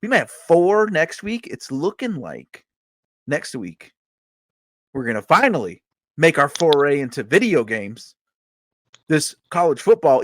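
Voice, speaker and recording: An excitable man hosts a casual podcast. He rattles on at speed and swears freely, in a voice a little higher than most men's. It sounds close and dry, with no room around it. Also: dry recording. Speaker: podcast host.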